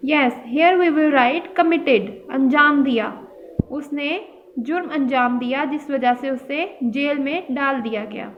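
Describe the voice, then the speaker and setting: A woman teacher giving an English grammar lesson, reading sentences slowly and carefully and explaining them. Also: sits high, muffled recording, slight background noise. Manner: reads English slowly and deliberately, explains in Hindustani.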